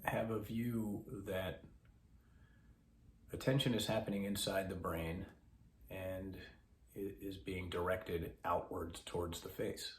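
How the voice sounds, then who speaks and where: Low-voiced man guiding a meditation. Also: reverberant, slight background noise. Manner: slow, calm, pausing instructions. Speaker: mindfulness instructor. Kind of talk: guided meditation.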